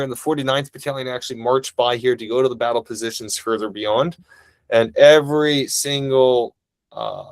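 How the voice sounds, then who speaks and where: Brief: male webinar presenter, fast, chatty and eager, dry close sound on a video call. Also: mid-range voice, no echo. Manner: talks quickly; casual, enthusiastic, many restarts. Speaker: family history presenter.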